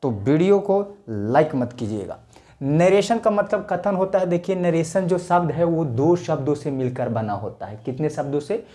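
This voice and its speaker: This English grammar teacher, a man with a Bihari accent, gives a casual lesson to camera in a fairly high, expressive and warm voice at a moderate pace. He's chatty and joking, calls viewers "sir," and asks questions only to answer them himself.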